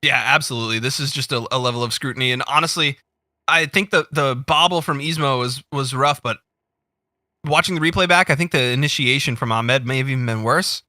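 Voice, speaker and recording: A man calling drift racing play by play, quick and joking. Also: mid-range voice, pushed and bright, no echo, clean studio sound. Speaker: commentator. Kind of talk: esports drift commentary.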